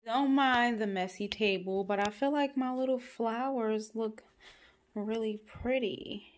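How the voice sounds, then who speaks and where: A woman's voice: fairly high pitch, measured pace. A young adult woman, chatting casually and playfully to camera in her vlog. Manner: chatty, animated, playful asides. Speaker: vlogger.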